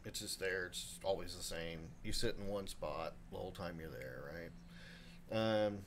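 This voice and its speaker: A low-pitched man in his fifties speaks at normal speed over a faint hiss or hum in a live podcast room. As a chef guest in a casual interview, he rambles, breaks off mid-thought, and animatedly voices what other people said.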